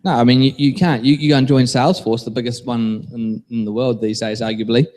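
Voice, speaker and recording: A man with a New Zealand accent, a guest explaining his software idea, earnest and repeating words as he goes. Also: mid-range voice, fairly even intonation, a little fast. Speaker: guest business owner. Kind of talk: explaining a product.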